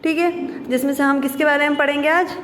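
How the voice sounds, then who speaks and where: High-voiced woman teaching children. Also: steady tone, fast, a bit bright. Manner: patient, repeats questions and answers them herself. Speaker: school teacher. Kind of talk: classroom lesson for young children. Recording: echoey room with reverb.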